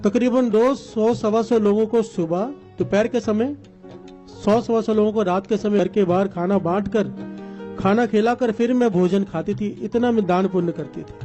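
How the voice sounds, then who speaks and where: A man's voice: high-pitched, moderate pace, mellow, faint music behind. A man preaching a sermon as a story, calling on the congregation to respond.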